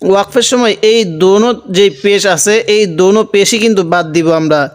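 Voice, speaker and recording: A man's voice: sits high, brisk, clean tone. A man teaching Quran reading, spelling out Arabic letters one by one and then chanting the words drawn out. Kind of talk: slow spelling-out recitation lesson. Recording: long hall reverb.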